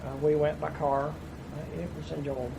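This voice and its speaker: A veteran in his fifties, East Tennessee accent, speaks at a moderate pace in a slightly high, creaky, level voice. Interviewed for an oral history, he narrates his life in a plainspoken, folksy manner with restarts, recorded in a noisy room.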